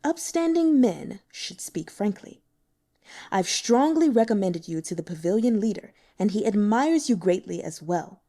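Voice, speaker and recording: Playing an older man who leads a secret sect, a woman speaks in a persuasive, silky, coaxing way. The lines come out mellow and expressive, pitch bobbing with animation, delivered at a measured pace.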